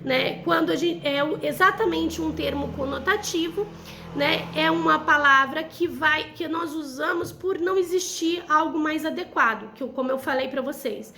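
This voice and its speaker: A chatty young Brazilian woman teaching a literature class on video, her high voice carrying a gravelly edge. She keeps turning to her students with little tag questions as she explains. A faint hiss sits behind her. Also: moderate pace, bright, forceful tone. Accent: Brazilian Portuguese. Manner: chatty, addresses students directly with frequent "né?". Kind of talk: recorded class lesson for ninth graders.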